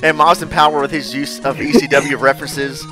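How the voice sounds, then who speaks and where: A man hosting a casual interview, an animated storyteller who laughs often and acts out quotes. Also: on the high side, brisk, soft background music. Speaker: podcast host.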